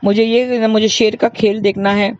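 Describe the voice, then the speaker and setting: A woman's voice: mid-range voice, level tone, normal speed, a little mellow, lo-fi sound, lightly acted. A woman voicing a small stubborn boy who pleads over and over for things and for his mother. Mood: whining. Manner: pleading, repetitive demands.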